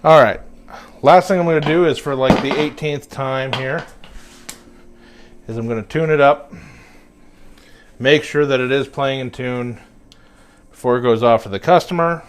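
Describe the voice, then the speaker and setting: A man's voice: mid-range voice, normal speed, pauses often, clean tone. A man working as a guitar repair technician, talking casually through a setup in his shop with plenty of fillers. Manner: relaxed, talks while working, filler-heavy. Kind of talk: casual workshop narration.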